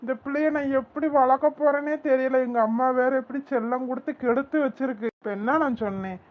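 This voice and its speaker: Worried cartoon young mother, voiced by a woman, exasperated and fretful, high and tinny. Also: fairly even intonation, a little fast, natural voice.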